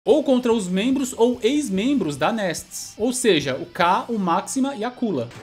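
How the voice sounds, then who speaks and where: A woman's voice: medium pitch, animated, measured pace, soft background music. Brazilian woman explaining word by word. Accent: Brazilian Portuguese. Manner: didactic, breaks phrases down word by word. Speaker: video host. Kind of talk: explanatory video narration.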